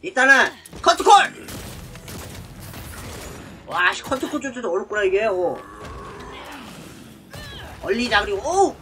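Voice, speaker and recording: Guy streaming a game, bright voice, swings up and down a lot, yells at monsters, faint noise behind. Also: high voice, animated, normal speed, long pauses. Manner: talks to himself while playing, shouts at enemies; frequent filler sounds between actions. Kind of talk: live gameplay commentary.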